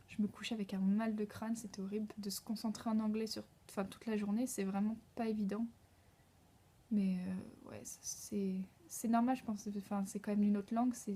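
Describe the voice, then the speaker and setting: Give me a young woman from France in a casual vlog, soft mellow tone, lots of little fillers. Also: medium pitch, breathy edge. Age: young adult. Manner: chatty, hesitant, with frequent fillers. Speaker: au pair vlogger. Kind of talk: casual vlog chat to camera.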